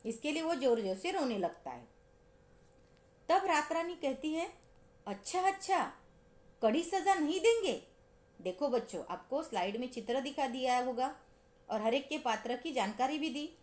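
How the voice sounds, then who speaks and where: A woman's voice: sits high, animated, moderate pace, reverberant. A woman teacher explaining a story lesson to her pupils, asking them questions and repeating key points. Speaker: school teacher.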